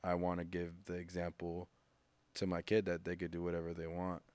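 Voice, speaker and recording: A man's voice: low voice, monotone, a little fast, a little mellow, no room sound. A man in his thirties, a music producer guest on a studio podcast, talking casually with restarts and acted-out quotes. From United States. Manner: laid-back, rambling with restarts and acted-out quotes. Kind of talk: casual interview chat. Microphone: studio mic with headphones.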